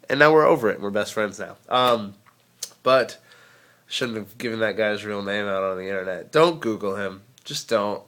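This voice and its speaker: A man's voice: fairly low pitch, fairly bright tone. A young man with a head cold, vlogging in a casual, rambling way and making sarcastic jokes. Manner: sarcastic, jokey, riffs in mock voices.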